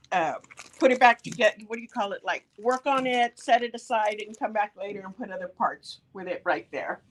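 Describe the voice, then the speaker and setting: A middle-aged woman with a fairly high voice hosts a shop show in a relaxed, chatty way. She gushes over what she shows and giggles often. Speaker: quilt store host. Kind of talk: casual live product show.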